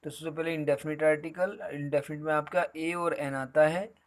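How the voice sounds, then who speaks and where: A man's voice: on the high side, steady tone, moderate pace. A man teaching a grammar lesson, explaining patiently and calling his students "beta" again and again.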